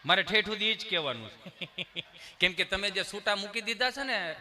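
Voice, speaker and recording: A man's voice: high-pitched, normal speed. Folksy Kathiawadi-accented male comedian. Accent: Kathiawadi Gujarati. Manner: folksy, animated storytelling in rustic dialect. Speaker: stand-up comedian. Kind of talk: live stand-up storytelling. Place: stage before a live audience.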